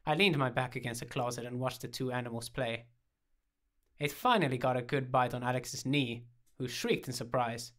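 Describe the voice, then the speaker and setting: Brief: calm male narrator reading a story, mid-pitched and measured.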